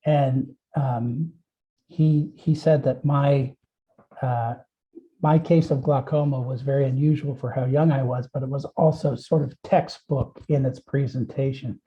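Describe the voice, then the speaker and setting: A man's voice: medium pitch, steady tone, measured pace, breathy edge. A man answering interview questions about his poems, telling stories hesitantly with many ums and restarts. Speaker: interviewed poet. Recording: dull lo-fi audio.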